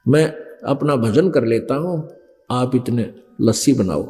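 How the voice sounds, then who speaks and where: A man's voice: medium pitch, expressive, unhurried, warm tone, faint music behind, voice pushed down, natural voice. A man voicing a single-minded old ascetic in a sermon story. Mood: requesting. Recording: long hall reverb.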